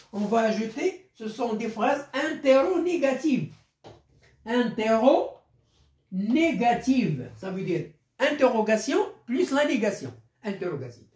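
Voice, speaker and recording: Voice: medium pitch, big pitch swings, measured pace, darkish tone, reverberant. A primary school teacher explaining a grammar lesson step by step and repeating key phrases.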